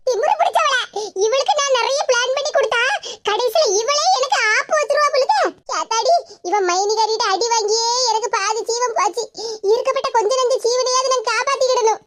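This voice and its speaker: A woman voicing a complaining, indignant older village woman in a cartoon, in a high, squeaky voice. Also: brisk, heavy background noise. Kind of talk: cartoon voice acting.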